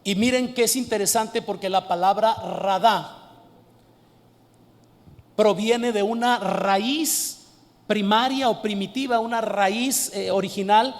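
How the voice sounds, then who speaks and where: A man delivers an earnest sermon, stressing and repeating key words slowly. His voice sits high for a man. A long reverb trails after his words. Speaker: preacher.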